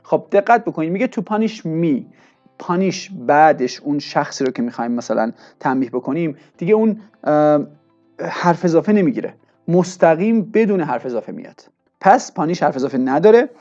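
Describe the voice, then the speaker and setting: A man teaches English vocabulary, moving between quick explanation and slow, careful reading of example sentences. His voice sits fairly high but sounds mellow and dark. The recording is dull and lo-fi, with faint music behind him. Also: animated. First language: Persian. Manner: explains in Persian, reads English examples slowly and deliberately. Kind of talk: vocabulary lesson.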